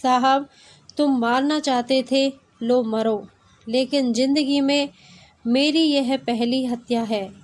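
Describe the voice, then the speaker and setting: A woman's voice: high voice, fairly even intonation, slow. A woman reading the lines of a fierce, grieving young man in a storybook tale. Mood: furious.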